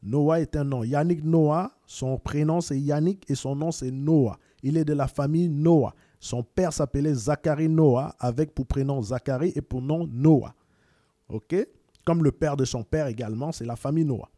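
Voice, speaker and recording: Mellow-voiced Cameroonian man explaining. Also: on the high side, measured pace, dry recording, clean studio sound. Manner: repeats words, sends greetings to viewers. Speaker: video presenter. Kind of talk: casual explanatory talk.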